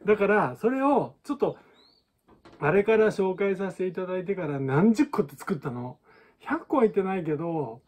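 Male balloon-art teacher, slightly husky, casual and chatty. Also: high voice, animated, normal speed, a little mellow. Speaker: balloon artist. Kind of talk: casual tutorial chat.

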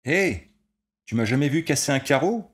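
A man voicing a crude red-haired ball player in his thirties with a loud, grating voice who barks taunts. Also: medium pitch, lively intonation, normal speed, voice pushed up, lightly acted. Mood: taunting. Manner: barking, taunting.

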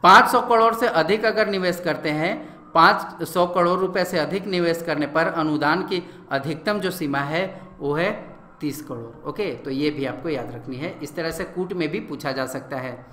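Male exam-prep teacher, hoarse throat, sharp bright tone, repetitive explainer. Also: a little high, normal speed, reverberant, slight background noise. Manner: repetitive, filler-heavy explaining, frequent "okay". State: sore throat, slightly hoarse. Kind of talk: quiz-answer exam-prep lecture.

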